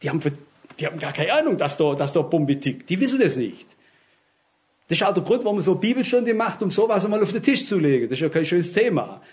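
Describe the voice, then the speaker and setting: A man's voice: high voice, sing-song, fast talker, darkish tone. A man preaching at a Bible study, telling stories from his own life and speaking straight to his listeners. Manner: earnest, anecdotal, addresses listeners directly. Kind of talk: sermon.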